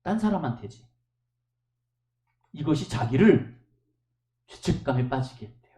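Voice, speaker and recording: A man's voice: medium pitch, sing-song, a little slow, mellow, echoey room. A male pastor preaching a sermon at a church service, telling stories emphatically and asking the congregation rhetorical questions.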